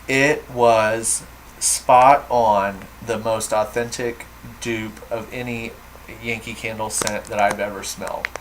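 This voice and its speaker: A man's voice: lowish voice, fairly even intonation, slow pace, a little hiss or hum, poor audio. A man chatting enthusiastically on a home video vlog, with lots of fillers like "um" and "so". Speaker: vlogger. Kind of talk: casual chat.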